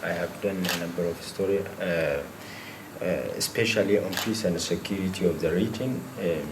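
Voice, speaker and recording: A journalist with a low voice speaks earnestly about his work, pausing on fillers now and then. The recording is echoey, with noise in the background. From Ethiopia.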